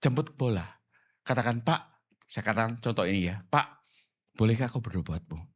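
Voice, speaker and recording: A male pastor giving a conversational sermon, animated and quizzing his congregation with quick questions. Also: lowish voice. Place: church service.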